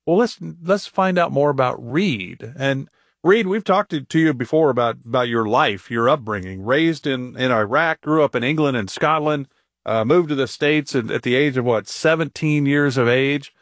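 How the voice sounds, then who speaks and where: A male radio host chatting on air at a middle pitch, his voice upbeat as he fires off quick questions. The sound is dry and close, with no room around it. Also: fairly bright tone, no room sound. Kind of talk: radio talk show chat.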